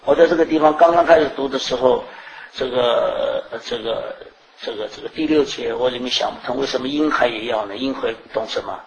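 A woman's voice: extremely low pitch, brisk, vocal fry. A middle-aged woman preaching a sermon in an earnest way, often asking rhetorical questions and repeating herself. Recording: roomy echo.

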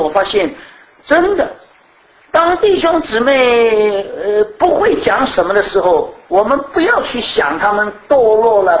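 A man's voice: sits high, reverberant, rough recording. A man preaching a sermon, teaching earnestly and posing rhetorical questions to his listeners.

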